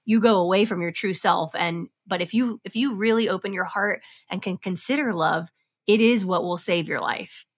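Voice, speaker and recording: A woman's voice: mid-range voice, moderate pace, slightly rough. A woman guest on a podcast, speaking candidly and with passion, swearing freely as she talks. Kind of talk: casual interview chat.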